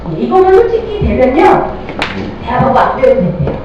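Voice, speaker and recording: Middle-aged woman, parenting lecture, lively rising and falling voice, distant dull lo-fi mic, echoey noisy hall. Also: high voice, fairly quick. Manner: lively, addresses audience with questions.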